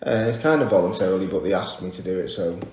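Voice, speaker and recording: A man with a Merseyside accent, a podcast guest talking candidly in a relaxed way, pausing often. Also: deep voice, a little hiss or hum. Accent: Merseyside English. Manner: relaxed and candid, with pauses and fillers. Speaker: interview guest. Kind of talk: casual interview chat. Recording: echoey room.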